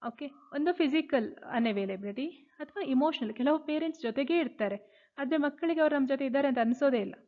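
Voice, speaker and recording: A woman's voice: high-pitched, expressive, fairly quick. A woman teacher giving a lecture, reading English points aloud and then explaining each one in Kannada. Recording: phone-like narrow sound.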